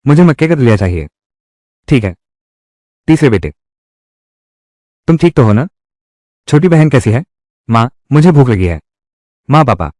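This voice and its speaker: A man narrating a dubbed drama recap, speaking every part in the same voice. His pitch sits mid-range but moves up and down. The sound is dry and close, with no echo. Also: big pitch swings, measured pace, pauses often, darkish tone. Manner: reads every part in one voice. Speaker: dubbing narrator. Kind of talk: Hindi drama recap dubbing.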